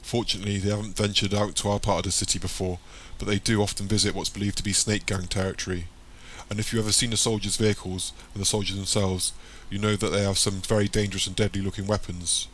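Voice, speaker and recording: In an audiobook story, the male narrator voices a secretive, formal man who is calm and courteous, speaking in a measured, deliberate way. The fairly low voice stays close to an everyday one, with a little hiss or hum.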